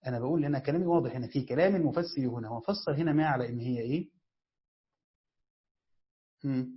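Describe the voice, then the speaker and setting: A man with an Egyptian Arabic accent and a mid-range voice speaks quickly while teaching a classroom lesson on Quran exegesis, explaining grammar. He quizzes his listeners and then answers his own questions. The recording is dull and lo-fi.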